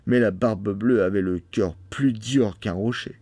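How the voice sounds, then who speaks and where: A man narrating a fairy tale for children in an expressive storybook reading. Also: lowish voice, a little slow, no echo. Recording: dry studio sound.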